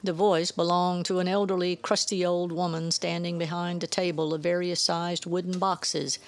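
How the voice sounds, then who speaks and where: A woman author narrating her own story in a measured, even reading. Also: lowish voice.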